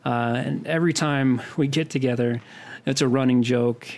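A man's voice: medium pitch, steady tone, normal speed, a little mellow. A young man co-hosting a podcast, talking in a rambling way with many fillers and restarts. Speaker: podcast co-host. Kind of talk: casual podcast chat.

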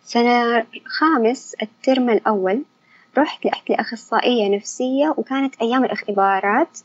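A woman's voice: on the high side, brisk, dull audio. A young woman, candidly telling her personal story as an interview guest. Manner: candid, animated storytelling with quoted dialogue.

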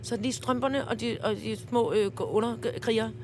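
Woman cohost telling little memories, lively and quick to sympathise, a bit of train noise behind. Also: on the high side. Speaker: podcast co-host. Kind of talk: casual chat.

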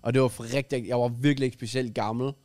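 Young Danish man, casual podcast co-host, animated storyteller; dry, close sound. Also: mid-range voice, dry recording. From Denmark. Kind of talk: casual chat.

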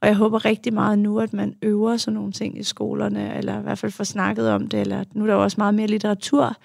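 Young woman guest, frank and reflective, very gravelly voice, dry close sound. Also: mid-range voice, completely flat delivery, darkish tone, no echo. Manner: frank, reflective, with frequent fillers. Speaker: guest, adult child of an alcoholic; youth therapist. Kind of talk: candid conversational storytelling.

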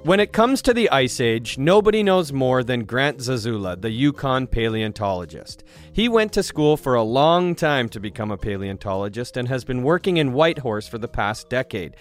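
Man, radio host and interviewer, mid-pitched voice, presenting style, faint music. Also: lively intonation, normal speed, few pauses.

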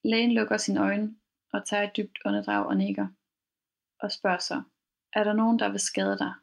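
A woman podcast host retelling a first-person account in a calm, measured way. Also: mid-range voice, creaky. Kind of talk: storytelling podcast reading.

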